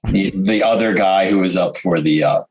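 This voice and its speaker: A man chatting casually and jokingly as a podcast guest, often halting and repeating words as he thinks. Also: sits low.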